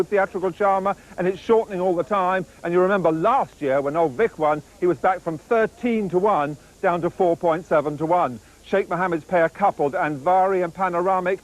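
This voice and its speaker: A man's voice: sits high, low-quality recording. A man reporting live on the betting at a racecourse in jokey, colourful slang.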